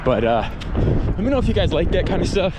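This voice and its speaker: A man's voice: sits high, sing-song, a little fast. A man chatting casually to viewers while running outdoors. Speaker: running vlogger. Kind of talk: casual vlog chat to viewers. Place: outdoors on a road run. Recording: clear wind and outdoor traffic noise.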